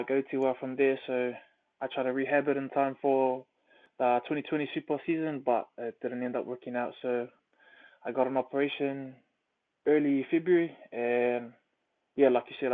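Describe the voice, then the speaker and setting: A young man with a New Zealand accent, a rugby player chatting casually as an interview guest, laid-back with lots of fillers. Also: medium pitch. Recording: tinny phone-like line.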